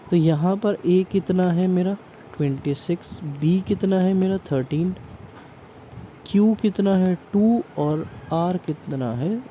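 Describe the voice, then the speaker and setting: A man's voice: a little high, dark tone, highs cut off, slight background noise. A man teaching a math lesson, explaining step by step and checking in often with the class.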